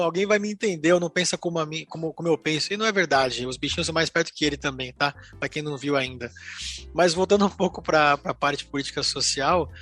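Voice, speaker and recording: A man's voice: a little high, bright, forceful tone. A man with a Brazilian Portuguese accent, hosting a film podcast in opinionated casual chat.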